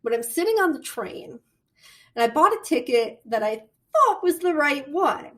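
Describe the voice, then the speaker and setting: A woman with a Midwestern American accent giving a recorded college lecture, chatty and animated, with storytelling asides. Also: high voice, normal speed. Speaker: college communication instructor.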